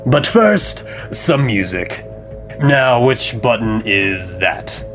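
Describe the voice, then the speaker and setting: A man's voice: mid-range voice, lively intonation, very slow, a bit bright, faint music behind. A man playing a flippant, gleefully morbid radio host, with grandiose theatrical announcing and sardonic showmanship. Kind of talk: theatrical radio hosting and mock ad narration.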